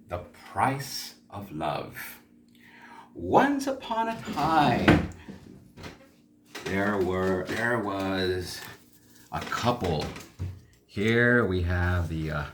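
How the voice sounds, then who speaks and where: A man telling a folk tale for learners in a chatty way, stopping to ask his listeners questions and explain words. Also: medium pitch. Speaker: storyteller.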